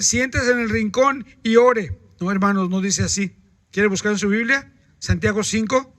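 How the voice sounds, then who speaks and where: Pastor preaching, very high bright voice, asks the congregation questions, dry sound. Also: male voice, no room sound. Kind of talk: sermon.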